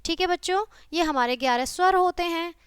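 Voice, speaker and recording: High-voiced woman teaching young children. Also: no room sound, clean studio sound. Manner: patient, keeps checking the children understand; spells out sounds slowly one by one. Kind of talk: classroom video lesson for children.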